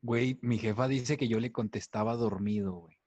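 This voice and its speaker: Jokey Mexican man, mid-pitched voice. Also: steady tone, moderate pace, darkish tone, no room sound, dull audio. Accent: Mexican Spanish. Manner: jokey, slangy, eager to tell the tale. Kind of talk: casual chat, storytelling.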